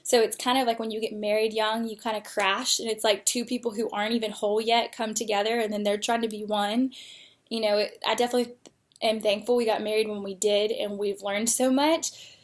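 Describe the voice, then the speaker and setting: A woman's voice: medium pitch, flat delivery, fairly quick. A young woman telling her personal story candidly and emotionally, with frequent fillers. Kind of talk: personal testimony.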